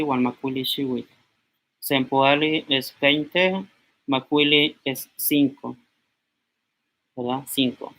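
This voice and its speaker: Brief: man in his twenties from Mexico, bright voice, unhurried teacher who repeats each word. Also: medium pitch. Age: 20s. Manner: slow, repeats words aloud while writing on a board. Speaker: language teacher. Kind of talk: informal language lesson.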